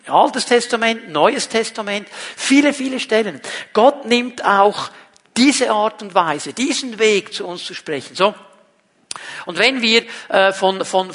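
A man preaching a sermon as a pastor, dramatic, swinging from loud emphasis to hushed near-whisper. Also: high voice, in a large hall.

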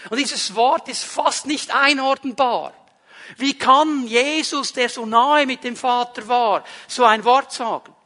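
A man preaching a sermon, emphatic and building to loud repeated phrases. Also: extremely high pitch, takes it slowly.

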